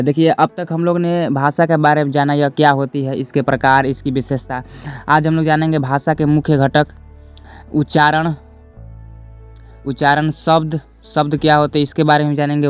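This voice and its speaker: A young man gives a classroom lesson, explaining step by step, saying each point twice and talking straight to his students. His voice is a little high and smooth.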